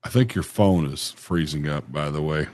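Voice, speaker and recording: A man's voice: extremely low pitch, normal speed, darkish tone, no echo. A man hosting a casual interview show, talking informally and in a folksy way to guest and viewers.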